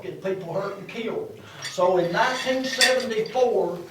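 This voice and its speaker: An older man with an Appalachian accent giving an informal guided tour as a former miner, talking like a folksy old prospector spinning stories. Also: high voice. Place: underground exhibition coal mine. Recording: echoey mine tunnel, distant mic, faint noise.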